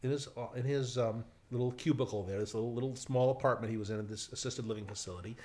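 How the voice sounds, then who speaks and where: Middle-aged man telling a lively anecdote. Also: mid-range voice, quick pace. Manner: lively storyteller, frequent restarts and asides. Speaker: guest, television writer. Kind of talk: casual anecdote in conversation.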